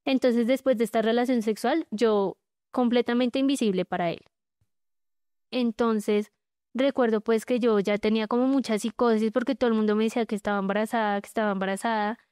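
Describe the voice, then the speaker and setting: Halting woman, smooth higher voice. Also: fairly even intonation, warm tone, dry recording, clean studio sound. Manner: candid and halting, many fillers. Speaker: guest sharing her story. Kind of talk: personal testimony in a podcast.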